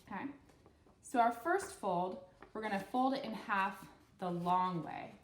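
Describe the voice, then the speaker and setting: Speaking a little slowly in a mid-range voice, this thirty-something storytime host and craft instructor reads to young listeners and guides them gently through each craft step. There's slight background noise, and the space has an echoey, roomy sound.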